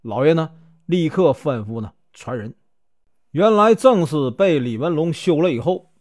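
A man telling a folk tale with a Northeastern Mandarin accent, chatty and full of drawn-out fillers. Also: a little high, a little mellow. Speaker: storyteller.

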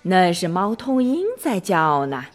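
Bedtime storybook figure, woman playing a calm, sleepy male friend, slow and soothing, soft music. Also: fairly low pitch.

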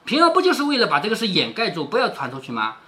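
Lively storytelling man. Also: high voice, racing. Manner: asks rhetorical questions, explains patiently. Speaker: father reading a classic novel to his daughter. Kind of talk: storytelling with explanations.

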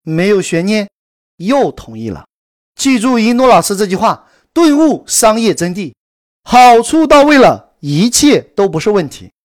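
A woman telling a promotional story in a brisk, emphatic scripted sales delivery. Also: mid-range voice, big pitch swings. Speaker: course promoter narrator.

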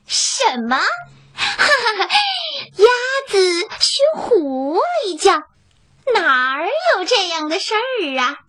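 A woman's voice: extremely high pitch, lively intonation, slow pace, a bit bright, no room sound, full character voice. A woman voicing a hungry, boastful fox in a children's storybook reading, gloating and laughing. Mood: mocking. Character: greedy boastful male fox, hungry and smug.

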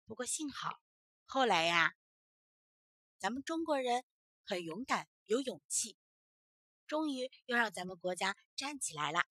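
A woman telling a children's story as a storyteller, in an expressive, emphatic way. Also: on the high side, a little slow, long pauses, no room sound.

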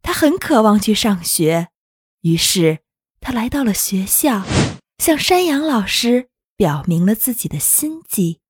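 A woman narrating a children's story in a gentle, unhurried, expressive reading. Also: medium pitch, husky, no room sound, clean studio sound.

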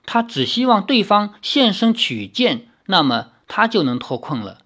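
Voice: mid-range voice, big pitch swings, unhurried, a bit bright. An audiobook narrator reading a novel dramatically, with casual asides.

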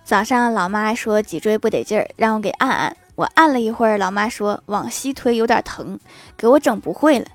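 A woman's voice: medium pitch, brisk, dry recording, faint music behind. A woman telling jokes in a casual, teasing way and chuckling at her own punchlines. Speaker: online shop host telling jokes. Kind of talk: casual joke storytelling.

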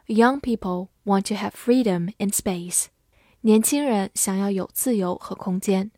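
Slow, careful woman teaching vocabulary. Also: medium pitch, a little mellow, dry recording, studio quality. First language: Mandarin Chinese. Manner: slow deliberate reading, spells words letter by letter. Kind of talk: scripted vocabulary lesson.

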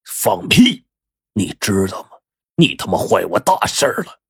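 A man's voice: sits low, sing-song, measured pace, gravelly, breathy edge, heavily acted. A man voicing a ruthless, hot-tempered male gang boss who swears and threatens. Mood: furious. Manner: swearing, menacing, bursts of shouting.

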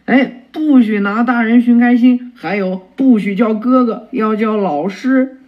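A man's voice: sits high, slow pace, highs cut off. A man voicing a young male ninja teacher who is easily flustered but tries to sound stern.

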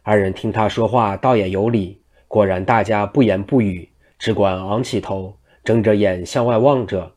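A man reading a classical Chinese novel aloud at a steady, unhurried pace. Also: fairly low pitch. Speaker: storyteller.

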